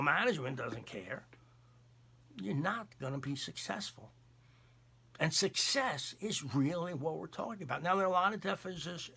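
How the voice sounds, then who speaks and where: An older man with a New York accent delivers a motivational sales talk in a bright, gravelly voice with a husky edge. He speaks emphatically, repeats his points, and swings his pitch widely. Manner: emphatic, repetitive, animated. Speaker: podcast host and sales trainer. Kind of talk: motivational monologue.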